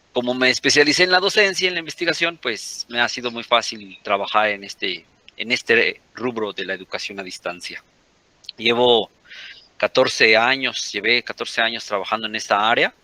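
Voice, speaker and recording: A man's voice: fairly low pitch, sharp tone, no room sound. A Mexican man in his forties, a guest in a conversational interview, rambling and often correcting himself mid-sentence. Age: 40s.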